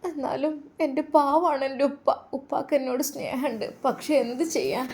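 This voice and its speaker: A woman voicing a young grieving bride who speaks softly and tearfully. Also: sits high, normal speed, voice pushed up. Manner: soft, pleading and tearful.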